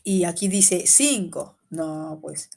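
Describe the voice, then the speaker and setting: A woman with a Peruvian Spanish accent teaching an online exam-prep class, quizzing students by name in a lively way. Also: on the low side, slow pace, creaky. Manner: lively, calls students by name, asks and answers questions.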